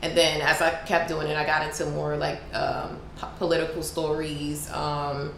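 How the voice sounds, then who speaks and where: A woman from Miami with a Miami accent, talking fast and informally as a journalist being interviewed. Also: low voice, creaky. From Miami, United States. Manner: fast, animated, informal speech. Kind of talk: casual interview chat. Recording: roomy echo with faint background noise.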